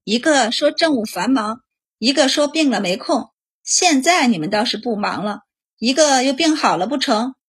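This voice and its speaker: A woman voicing a grieving, furious middle-aged noble mother who scolds loudly in a storybook reading. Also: high voice, expressive, moderate pace, slightly rough. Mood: angry wailing. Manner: loud scolding, wailing.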